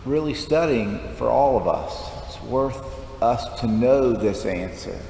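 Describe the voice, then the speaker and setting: An unhurried, expressive man speaks from the lectern of a large church, his mid-range voice creaky and mellow as he gives a conversational homily. A headset mic records him amid long reverb and background noise.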